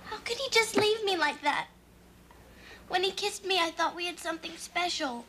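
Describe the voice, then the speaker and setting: Very high, bright heartbroken teenage girl. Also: animated, moderate pace, a little hiss or hum, full character voice. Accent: American. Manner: plaintive, earnest. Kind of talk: television sitcom acting before a studio audience.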